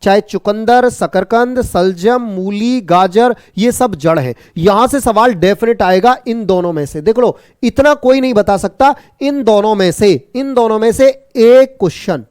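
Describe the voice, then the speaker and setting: A man teaching an online exam-prep class, brisk and repetitive, teasing and jokingly scolding his students. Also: sits high, darkish tone, smooth, no echo, studio quality.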